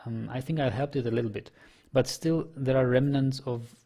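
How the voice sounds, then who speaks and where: This young Czech man speaks at normal speed in a medium-pitched, dark voice. A native Czech speaker with a Czech accent, he thinks aloud as he casually commentates his online poker and reads chat, hesitant and heavy on fillers.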